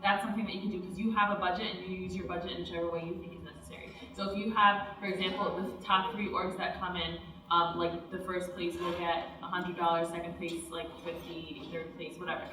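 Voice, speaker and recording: A woman's voice: lowish voice, level tone, fast, few pauses, pushed and bright, slight background noise. A woman student government officer talking persuasively in a meeting discussion. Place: meeting room. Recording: echoey room from far off.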